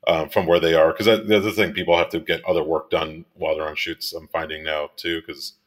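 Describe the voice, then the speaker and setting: In a casual interview, a Miami man in his thirties, a guest, talks about his work in photography and directing. His voice is very low and deep, his delivery flat and fast, and he rambles with plenty of fillers and restarts, laughing easily.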